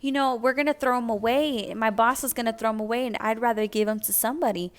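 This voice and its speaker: A kind, motherly woman vendor who talks sweetly and calls everyone honey, as a vlogger quotes her. The voice sits a little higher than the teller's own and stays smooth and soft. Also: fairly even intonation, fast talker, lightly acted. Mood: kindly.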